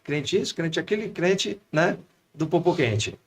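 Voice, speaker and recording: A man in his fifties, a pastor with a Brazilian Portuguese accent, telling a personal story in a lively, animated way. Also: on the high side, unhurried. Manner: lively anecdotal storyteller, acts out quotes. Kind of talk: storytelling in casual chat.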